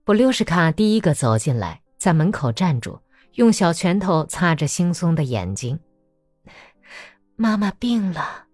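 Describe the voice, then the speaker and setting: A woman narrating a novel in a calm, steady storytelling manner. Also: deep voice, normal speed, no echo, studio quality, faint music behind. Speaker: audiobook narrator. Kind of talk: scripted narration.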